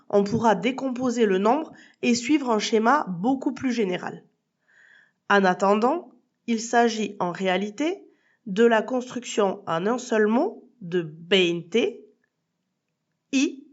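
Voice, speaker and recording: Female podcast teacher, slow and methodical, spells out words letter by letter, slightly muffled recording. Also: on the high side. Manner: addresses the listener as tu. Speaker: Spanish teacher. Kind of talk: podcast lesson.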